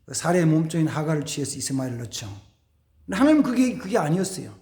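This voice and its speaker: A man's voice: sits high, vocal fry, darkish tone, roomy sound. A male pastor delivering a dramatic sermon, acting out the voices of biblical figures as he preaches.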